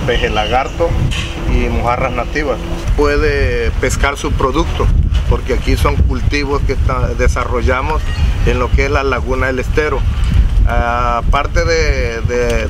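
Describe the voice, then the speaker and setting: A middle-aged man from Tabasco, Mexico describes his restaurant in an outdoor interview. He talks in a measured, explanatory way, pausing on fillers, at a middle pitch. Wind noise from outdoors is clearly audible on the lapel mic. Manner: measured, explanatory, frequent hesitations. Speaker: restaurant manager. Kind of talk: on-camera interview. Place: outdoors on a lakeside deck.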